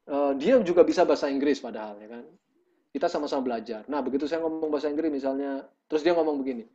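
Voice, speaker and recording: Musician guest, man, fairly high voice, animated storyteller, muffled video-call sound. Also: fast. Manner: lively storytelling, acts out quotes. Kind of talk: casual video-call conversation.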